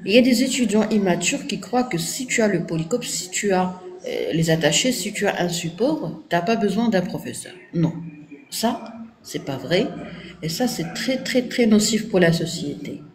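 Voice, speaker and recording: A woman's voice: mid-range voice, lively intonation, normal speed. A woman with a Moroccan French accent, a university lecturer giving a stern moralizing talk to students and repeating her points for emphasis.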